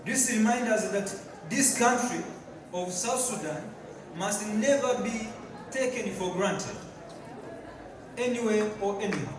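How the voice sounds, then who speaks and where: A man from Tanzania giving a halting public speech with fillers and repeated words at a community event. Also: high voice, noisy background. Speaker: guest speaker. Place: large hall at a community event. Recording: echoey hall, distant mic, crowd. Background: crowd.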